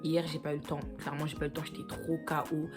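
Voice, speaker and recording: Young woman vlogging, kinda low voice, rambles on with lots of ums, music playing behind. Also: flat delivery, fast. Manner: rambling, full of fillers and restarts. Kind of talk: casual vlog chat.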